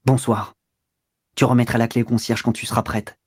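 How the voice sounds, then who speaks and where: A selfish, cold man who speaks in clipped, dismissive lines, his voice slightly husky, as the reader plays him. It is read close to the mic in a dry, dead space. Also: mid-range voice, little pitch movement, brisk, darkish tone, no room sound, lightly acted. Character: cold, self-serving man, curt and dismissive. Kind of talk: audiobook reading.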